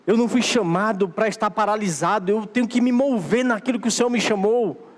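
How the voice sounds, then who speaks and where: High-voiced Brazilian pastor preaching in a hall. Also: male voice, fairly quick. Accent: Brazilian Portuguese. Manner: exhorting, repetitive preaching cadence. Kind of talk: sermon. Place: church sanctuary. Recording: long hall reverb of a church.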